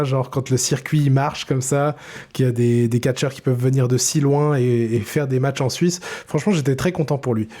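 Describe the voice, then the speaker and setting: A man's voice: medium pitch, warm tone. A man co-hosting a casual podcast chat, talking with frequent hesitations and restarts. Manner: hesitant, many filler sounds and restarts. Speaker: podcast co-host.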